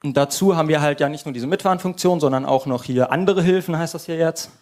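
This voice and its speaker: Male presenter, slightly high voice, explaining a live app demo one step at a time. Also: fast, a little mellow. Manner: walks through screens step by step. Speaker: team presenter at a hackathon.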